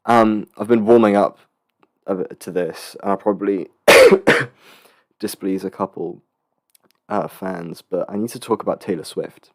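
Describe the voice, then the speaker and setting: A man's voice: fairly low pitch, a little slow, long pauses. A man hosting a casual solo podcast, rambling and joking with lots of restarts. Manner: rambling, full of fillers and restarts, jokey asides. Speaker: podcast host.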